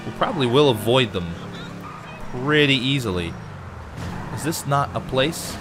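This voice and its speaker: With music behind him, a let's play host speaks a little slowly in a mid-range voice that a cold has made slightly nasal. His gameplay commentary is casual, chatty and excitable, directed at viewers.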